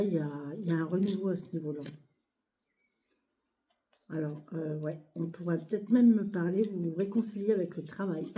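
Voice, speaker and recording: A hoarse, short-of-breath woman speaking softly and hesitantly with many fillers as she reads cards in a casual video. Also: on the low side. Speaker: card reader. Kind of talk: casual tarot reading video. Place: home, near a sleeping child, outdoor birds.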